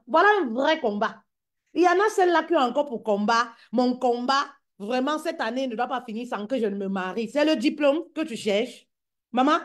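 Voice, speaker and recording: A woman with a bright, high voice coaching female entrepreneurs. She preaches in an emphatic, repetitive way, hammering each point home and calling her listeners queens and mama. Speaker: business coach. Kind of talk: motivational talk to women.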